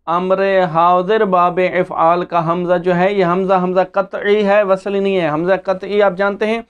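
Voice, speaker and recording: A male seminary teacher delivers a grammar lesson in a high, smooth, resonant voice. He reads each rule aloud, explains it, and recites word forms in steady chanted lists. He often puts a question to the class and answers it himself.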